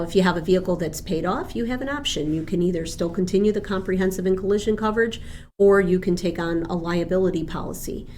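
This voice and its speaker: An Argentine-born insurance agent, a woman who grew up speaking Spanish, explains things as an interview guest in a chatty, earnest, conversational style. Her voice is on the low side with a darkish tone. A little hiss or hum is audible.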